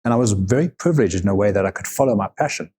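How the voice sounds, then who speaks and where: A man's voice: on the low side, lively intonation, mellow, a little hiss or hum. A middle-aged man from Africa, a guest in an interview, talking thoughtfully and unhurriedly about his life and travels. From South Africa. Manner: thoughtful, unhurried, repeats words as he gathers thoughts. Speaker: guest, overland vehicle consultant. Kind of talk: reflective interview conversation.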